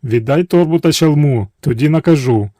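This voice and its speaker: A man voicing a brave young hunter hero who speaks calmly and firmly. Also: medium pitch, moderate pace, dry recording, clean studio sound.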